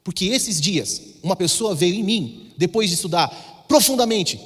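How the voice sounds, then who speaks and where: A man's voice: sits high, lively intonation, normal speed, a bit bright. A Brazilian man with a Brazilian Portuguese accent, preaching a sermon in a conversational, storytelling way. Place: large church hall. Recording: reverberant church hall.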